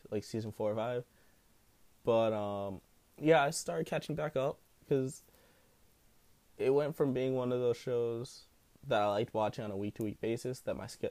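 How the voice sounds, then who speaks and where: A man speaks casually into a solo podcast in a smooth, mid-pitched voice. His talk rambles along loosely, peppered with slang and profanity. The sound is dry, with no room echo. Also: mellow. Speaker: podcast host.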